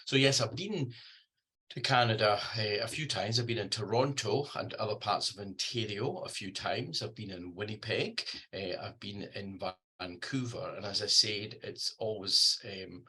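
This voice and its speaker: Scottish guy giving an online talk, low-ish husky voice, keeps saying um and starting over. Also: normal speed, pushed and bright. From Scotland. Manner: hesitant, many ums and restarts. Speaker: guest speaker. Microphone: video call.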